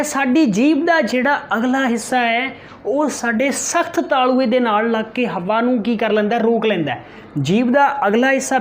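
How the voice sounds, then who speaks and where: Patient male teacher sounding out terms. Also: very high voice. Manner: repeats key terms, asks himself questions then answers; sounds out letters slowly as examples. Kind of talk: exam-prep grammar lesson.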